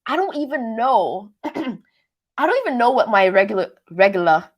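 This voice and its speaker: With lively intonation at normal speed, this Canadian reality TV recap host chats live and responds to viewers in her higher-pitched voice. She meanders, runs herself down jokingly, stumbles over words, and switches accents for fun.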